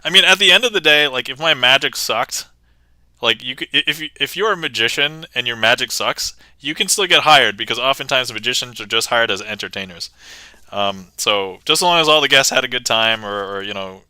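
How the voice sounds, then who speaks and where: A man's voice: mid-range voice, fairly quick, pushed and bright, smooth, no echo, rough recording. A man doing casual magic patter on a livestream, chatty and laughing often as he talks through his card moves.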